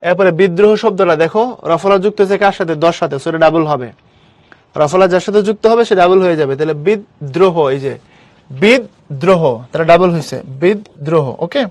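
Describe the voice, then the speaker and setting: A man's voice: sits high, quick pace, a little mellow, dry recording. A young man teaching an online class, explaining step by step and repeating key words as drills.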